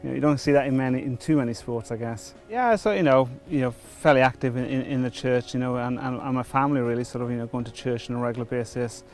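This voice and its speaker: Before being baptized, a middle-aged church member from Wales talks fast in a mid-range, slightly mellow voice, hardly pausing. His testimony interview is hesitant and full of fillers and restarts, with soft background music.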